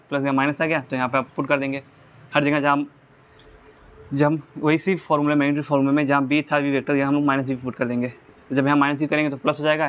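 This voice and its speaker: A man's voice: medium pitch, fairly bright tone, smooth, dull audio. A man teaching a physics lesson, explaining each step and checking in with rhetorical questions.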